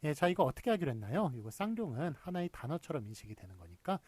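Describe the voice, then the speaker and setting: A man's voice: a little high, sing-song, fast talker, a little mellow, slightly rough, dry recording. A man lecturing in a recorded university class, explaining step by step with frequent fillers.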